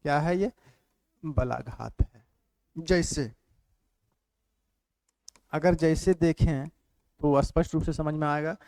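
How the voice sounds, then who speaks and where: A man teaching a grammar class who repeats phrases slowly for note-taking and keeps asking quick check questions. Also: on the high side, warm tone, no room sound. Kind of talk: classroom lecture.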